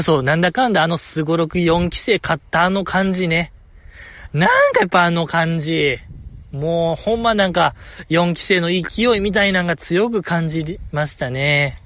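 Excitable Kansai man chatting solo. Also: lo-fi sound. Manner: excitable, jumps in pitch when enthused, chuckles to himself. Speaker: podcast host. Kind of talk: solo casual podcast talk.

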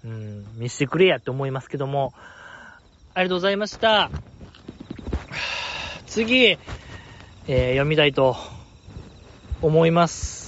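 With a fairly high voice, a somewhat slow pace and frequent pauses, a Kansai-accented podcast host chats playfully about listener mail, laughing often. Slight background noise sits under the dull, dry lo-fi recording.

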